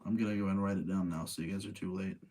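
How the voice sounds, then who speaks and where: A man races through his words in a low, dark voice with fairly even intonation, streaming a live movie-rating chat. Casually opinionated, he debates himself and frequently repeats phrases for emphasis.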